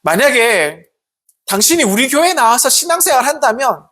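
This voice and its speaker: Earnest preacher with a husky, lively voice. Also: sits high, normal speed. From South Korea. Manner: earnest, pleading, many rhetorical questions. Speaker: Salvation Army officer, pastor. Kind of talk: sermon.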